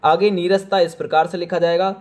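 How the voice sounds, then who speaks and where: A man teaching Hindi spelling for exam preparation, repeatedly telling viewers to pause the video and look carefully. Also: high-pitched, level tone. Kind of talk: exam-prep spelling lesson.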